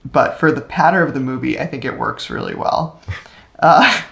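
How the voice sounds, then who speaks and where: Chatty woman podcast host with gravelly fry. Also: rumbling low, huge pitch swings, normal speed, fairly bright tone. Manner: chatty, laughs often, uses fillers. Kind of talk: casual film discussion.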